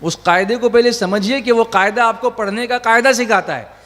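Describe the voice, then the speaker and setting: A man's voice: very high voice, sharp tone. A middle-aged man teaching children about religion, mixing in English and asking them questions that he makes them answer back. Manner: asks the audience questions and drills answers back. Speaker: Quran teacher. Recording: echoey hall with faint hum.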